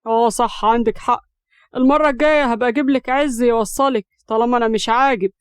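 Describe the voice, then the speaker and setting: A woman with an Egyptian accent voicing a hot-tempered young man who snaps sarcastically and shouts in anger. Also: fairly high pitch, fast, smooth, no room sound, studio quality, lightly acted. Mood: heated sarcastic.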